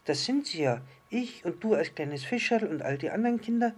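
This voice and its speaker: A man voicing a curious, eager little star child in a storybook reading, full of excited questions. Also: sits high, fairly quick, slightly rough, pitched above the performer's own voice. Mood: wondering.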